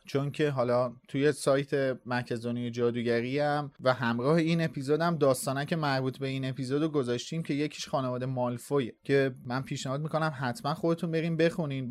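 A man co-hosting a book podcast, explaining in an animated, casual chat. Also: mid-range voice, few pauses, no echo. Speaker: podcast co-host.

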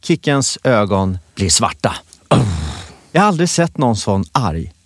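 A man's voice: fairly low pitch, sing-song. A man co-hosting a podcast, teasing his partner in casual chat. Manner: teasing, bursts into shouting impressions. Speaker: podcast co-host.

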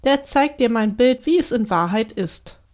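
A gentle, sad young princess under a curse, as a woman reads her aloud. She speaks softly and earnestly in a fairly high voice. This is a bedtime storybook reading, not a full performance. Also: expressive, normal speed, natural voice. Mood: sorrowful.

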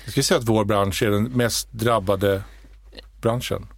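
A man's voice: on the low side, fairly even intonation, vocal fry. A male comedian, self-mocking and playful in casual chat as a podcast co-host.

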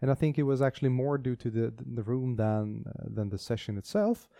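Man, podcast co-host, mellow warm tone, dry close mic, enthusiastic rambling chat. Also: medium pitch, animated, a little fast, creaky, dry recording. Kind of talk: casual tech podcast chat.

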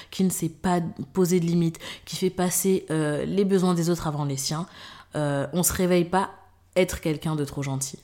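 A woman's voice: low-pitched, a little mellow. A woman hosting a podcast, talking casually and directly to the listener and repeating words for emphasis. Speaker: podcast host. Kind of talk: casual advice monologue.

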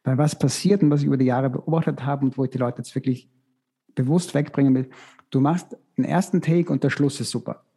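Gravelly, husky man giving casting advice. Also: mid-range voice, fairly even intonation, fairly quick, dark tone. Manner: reflective, gives practical advice with many restarts. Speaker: casting director. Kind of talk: casual expert discussion.

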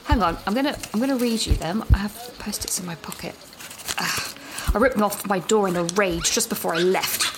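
A woman's voice: mid-range voice, fairly quick, background noise, close to an everyday voice. An actress playing an anxious, chatty young British university student, out of breath and rambling as she leaves a voice message while walking outdoors. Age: young adult. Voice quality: rambling, self-interrupting, nervous. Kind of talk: audio drama voice note.

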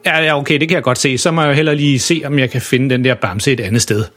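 A man's voice: mid-range voice, steady tone, a bit bright, soft background music, lightly acted. A man voicing an awkward, embarrassing father who stammers sheepishly through excuses.

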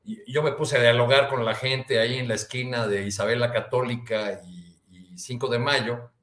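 A man with a Mexican Spanish accent, a columnist guest chatting casually and haltingly, with many restarts and fillers. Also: mid-range voice, fairly even intonation, fairly bright tone, roomy sound. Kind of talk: casual chat.

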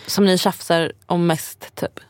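A woman's voice: on the low side, flat delivery, no echo. Chatty young woman podcasting, dry sound. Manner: chatty, laughs often, trails off into fillers. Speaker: podcast co-host. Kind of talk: casual chat.

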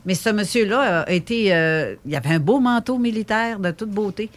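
A woman's voice: medium pitch, expressive, moderate pace, a little hiss or hum. A woman with a Québécois French accent, co-hosting a podcast in a chatty, teasing way. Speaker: podcast co-host. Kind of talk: casual chat.

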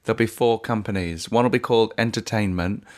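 A man's voice: lowish voice, a little fast. A man chatting casually on a podcast, enthusiastic and exclamatory. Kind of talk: casual chat.

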